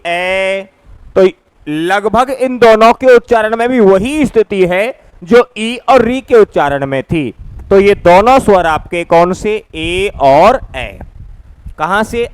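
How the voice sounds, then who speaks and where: A man's voice: sits high, smooth, dry recording. A man teaching a grammar lesson, asking rhetorical questions and answering them himself, and drawing out vowel sounds to demonstrate them. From Rajasthan, India. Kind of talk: classroom lecture.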